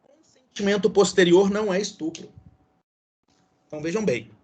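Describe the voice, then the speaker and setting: A man's voice: high voice, normal speed, a little mellow, highs cut off, slight background noise. A man from Brazil with a Brazilian accent, giving a classroom law lecture as professor, explaining with many fillers and tag questions. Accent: Brazilian Portuguese.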